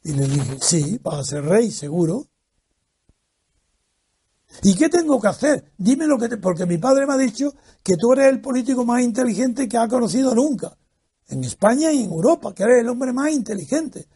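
An older man's very high-pitched voice, breathy at the edges, carries a long storytelling recollection at normal speed in an interview. He's animated throughout and acts out the voices of those he quotes.

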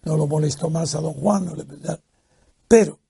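An older interviewee relates a long personal story, animatedly voicing the people he quotes. He talks at normal speed in a fairly high, creaky, husky voice.

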